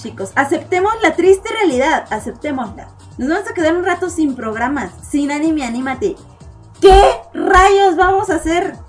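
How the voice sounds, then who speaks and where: A woman with a Mexican accent hosting a casual live online chat show, talking with her viewers in a chatty, giggly way and repeating words as she goes. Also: high-pitched. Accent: Mexican Spanish.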